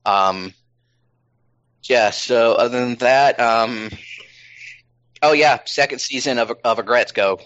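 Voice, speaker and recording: A man hosting a casual podcast chat, wandering from point to point with lots of ums and self-corrections. His voice sits at an ordinary middle pitch. The recording sounds a little dull and lo-fi. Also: slow pace, long pauses, fairly bright tone. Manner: rambling, many ums and restarts.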